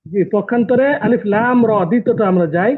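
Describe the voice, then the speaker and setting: A man's voice: extremely high pitch, fast. Man, recitation teacher, repeats and quizzes, phone-like sound. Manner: patient, repeats terms and asks students questions. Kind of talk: online tajweed lesson. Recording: tinny phone-like call audio.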